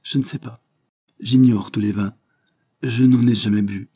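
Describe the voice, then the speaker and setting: A man's voice: mid-range voice, fairly even intonation, mellow, husky, voice pushed up. A man voicing a mysterious imperious foreign young woman. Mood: naive. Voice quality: speaks haltingly with broken grammar. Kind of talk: audiobook character reading.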